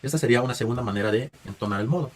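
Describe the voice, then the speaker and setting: A man's voice: mid-range voice, rapid-fire. A man gives a patient spoken music lesson, guiding students through chant tones with filler words and restarts. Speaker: music teacher.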